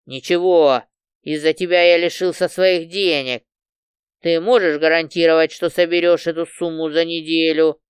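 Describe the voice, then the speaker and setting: A furious, crude male gangster snarls threats and insults, as a woman narrator puts him on. The voice is dropped lower and pushed loud. The reading is smooth, clear and dry. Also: fairly even intonation, normal speed, dry recording, close to an everyday voice. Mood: vicious scorn. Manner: snarling, swearing.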